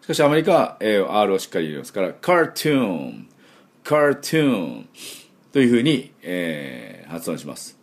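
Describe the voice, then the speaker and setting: Man, middle-aged, low-pitched, animated intonation, pronunciation teacher, slow sound demonstrations, frequent filler pauses. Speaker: English school principal and pronunciation teacher. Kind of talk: daily audio English pronunciation lesson.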